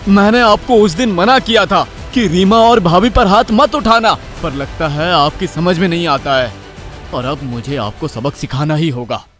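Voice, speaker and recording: A man's voice: fairly high pitch, very animated, normal speed, a little mellow, faint music behind. A man voicing an earnest young husband in a cartoon, speaking firmly and with concern. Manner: firm, concerned.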